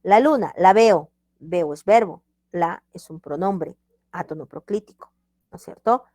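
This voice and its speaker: A woman's voice: lowish voice, a little slow, dark tone, no echo, studio quality. A woman teacher giving a grammar lesson, emphatic and repeating examples with checks like "ready?". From Peru.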